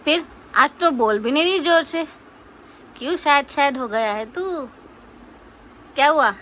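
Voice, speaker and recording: A young woman chatting casually in a family vlog, gently coaxing and asking the same things again and again. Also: high voice, animated, measured pace, slight background noise, poor audio. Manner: coaxing, tender, repeats questions. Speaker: vlogger.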